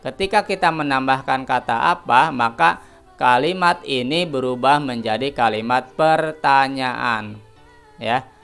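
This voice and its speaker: A man teaches a recorded lesson for young pupils, speaking in a gravelly yet smooth, resonant voice. He throws questions to the class, answers them himself and keeps addressing the pupils as his children. Faint music plays softly behind him. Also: mid-range voice, a little slow. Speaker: primary school teacher.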